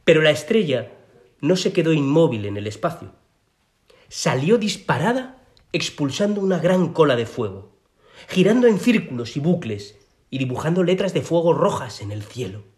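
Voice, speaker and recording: A man reading a children's story aloud as narrator, in an expressive way. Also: a little high, moderate pace. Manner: expressive, sing-song reading.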